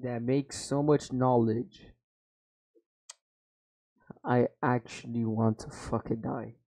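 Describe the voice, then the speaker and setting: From a small room at home, a young man talks through an over-ear headset as he reacts to his earlier gaming videos, rambling, mocking himself and cursing openly. His voice is mid-range and dark, with fairly even intonation and a slow pace.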